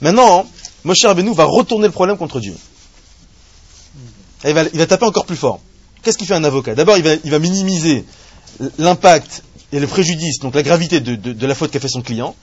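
A man teaching a live Torah class to a small group of students, animated and joking, asking rhetorical questions as he explains a text. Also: a little high, brisk, long pauses, husky, lo-fi sound.

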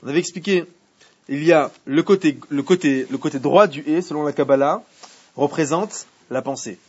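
A man's voice: a little high, normal speed, darkish tone, husky. A man teaching a Torah class to students, often asking them questions and repeating himself as he explains. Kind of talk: Torah class in French with Hebrew readings. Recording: muffled lo-fi classroom recording.

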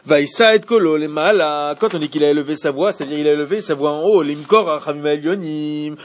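Un homme qui donne un cours de Torah de façon animée et pose des questions à ses élèves. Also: male voice, a little high, a little fast, highs cut off. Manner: animated, asks the class questions. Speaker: Torah teacher. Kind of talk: Torah class.

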